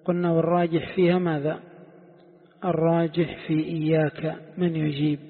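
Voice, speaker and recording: A sheikh teaching a classroom lesson, quizzing his students and slowly repeating the key points. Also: fairly high pitch, little pitch movement, slightly rough. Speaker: sheikh teaching Quran commentary. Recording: echoey hall, tinny phone-like sound.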